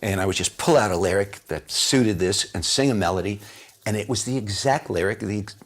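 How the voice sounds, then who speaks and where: Deep, husky-voiced man. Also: brisk. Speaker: singer interviewee. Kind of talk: interview recollection.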